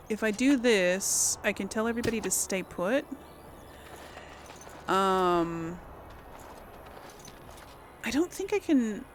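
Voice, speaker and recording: Hosting a let's play, a woman with a medium-pitched voice chats casually with her viewers and thinks aloud about the game. Video game music plays behind her, with slight background noise.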